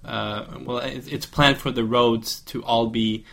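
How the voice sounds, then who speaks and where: A man's voice: mid-range voice, steady tone, measured pace, vocal fry, fairly bright tone. A man from Norway, taking part in a casual discussion in English, hesitating often with fillers. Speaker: discussion participant.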